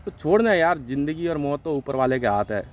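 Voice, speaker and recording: A man's voice: lively intonation, brisk. Fiery, foul-mouthed Indian man ranting. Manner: heated, swearing heavily, swinging from loud outbursts to low mutters. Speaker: vlogger. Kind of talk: angry profane rant to camera.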